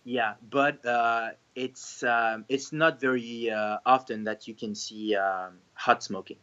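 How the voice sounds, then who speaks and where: A man's voice: mid-range voice, steady tone, slow pace, pushed and bright, clean tone, lo-fi sound. A man in his thirties from France, a restaurant owner talking casually in an interview, hesitant with many fillers and restarts.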